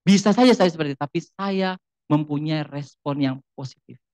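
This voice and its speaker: A man's voice: fairly high pitch, normal speed, a little mellow, dry recording, rough recording. Man preaching, quizzing the congregation. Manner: keeps asking the congregation rhetorical questions; conversational, personal storytelling. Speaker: guest pastor. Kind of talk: sermon.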